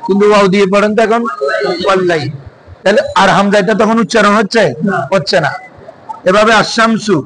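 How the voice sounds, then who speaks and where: A man's voice: high voice, little pitch movement, fast, a crowd in the background, low-quality recording. A man teaching an Arabic grammar class in Bengali, drilling his students with constant repeated questions. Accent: Bangladeshi Bengali. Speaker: madrasa teacher.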